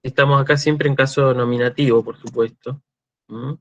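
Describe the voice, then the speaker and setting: A man giving an online university lecture, slow and deliberate, checking in often with his students. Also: medium pitch, steady tone, fairly bright tone, highs cut off. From Argentina. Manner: slow, checks in with frequent "¿sí?" and "este" fillers. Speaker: university lecturer in Greek language and culture.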